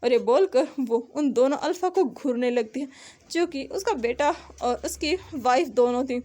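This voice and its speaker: A woman's voice: high voice, normal speed, mellow. A woman narrating a story retelling in a conversational way, sometimes correcting herself.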